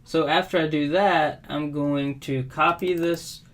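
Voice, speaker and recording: A middle-aged South Carolina man who hosts WordPress tutorials walks through a software setup at his desk, relaxed and unhurried, with lots of ums and uhs. His voice sits on the high side. It's a casual screen-recorded tutorial, captured by a webcam overlay at his desk.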